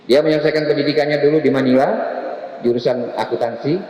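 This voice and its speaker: A middle-aged man giving a lively spoken testimony in a mosque, telling his story and taking on the voices of the people in it. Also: medium pitch, fast. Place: large mosque hall. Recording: echoey hall reverb.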